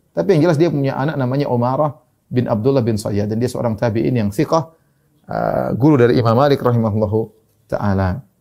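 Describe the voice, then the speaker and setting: A man preaching in a lively storytelling manner, mixing recited Arabic quotations into his talk, with frequent fillers and chuckles. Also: mid-range voice. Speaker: Islamic preacher. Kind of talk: storytelling sermon.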